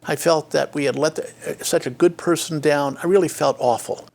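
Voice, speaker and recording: Speaking a little high with fairly even intonation at normal speed, this older man's voice is creaky and darkish. As an interview guest and former state official, he shares career stories reflectively, full of fillers and restarts, acting out quoted lines.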